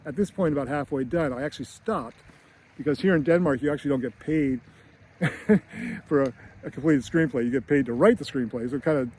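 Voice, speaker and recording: A chatty middle-aged man from Boston in the United States, a screenwriter and teacher, talks casually to camera outdoors near a beach. He rambles with laughs and restarts, his mid-range voice a little fast and mellow with a breathy edge.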